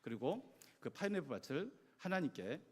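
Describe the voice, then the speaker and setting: A middle-aged male pastor giving a sermon, telling a story with lively acted-out quotes. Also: fairly high pitch, moderate pace, breathy edge. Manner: animated storytelling, acting out voices in quotes. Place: church sanctuary. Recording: long church hall reverb.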